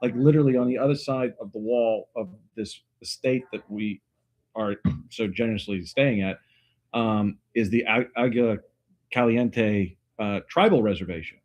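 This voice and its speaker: A man's voice: lowish voice, fairly even intonation, a little mellow. Man, podcast host, easygoing, teasing, outdoor chat. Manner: teasing, easygoing, quick quips. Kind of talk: casual chat. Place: outdoors at a desert retreat.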